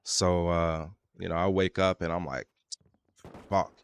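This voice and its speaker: Deep-voiced man telling a rambling story. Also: flat delivery, normal speed, slight background noise. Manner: loose, rambling, many fillers. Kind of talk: casual story time.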